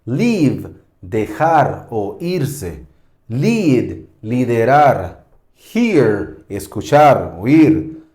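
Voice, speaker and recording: Slow, lively-pitched man teaching. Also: echoey room. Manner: slow, deliberate, repeats each verb form with falling stress. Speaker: English teacher. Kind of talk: language lesson.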